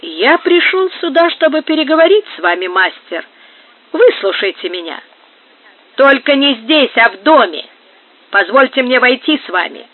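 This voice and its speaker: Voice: high-pitched, very animated, normal speed, no echo, voice pushed up. The reader voicing a huge male visitor who speaks insistently and secretively, in an audiobook. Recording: narrow phone-like sound.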